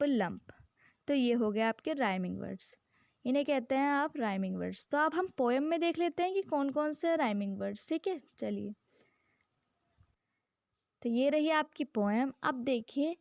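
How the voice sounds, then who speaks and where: A woman's voice: sits high, expressive, vocal fry, a little mellow, dry recording, clean studio sound. A woman teacher explaining rhyming words in a poem, patient and repetitive, checking in with "okay" again and again. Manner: slow, patient, repeats words and "ठीक है" often; reads English definitions very slowly. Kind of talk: classroom-style lesson explaining a poem.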